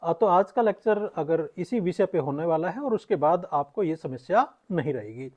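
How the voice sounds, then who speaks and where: A woman's voice: fairly low pitch, lively intonation, moderate pace, a little mellow. A woman teaching Hindi grammar in an online lecture, explaining patiently and repeating each point. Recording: slightly muffled lo-fi audio.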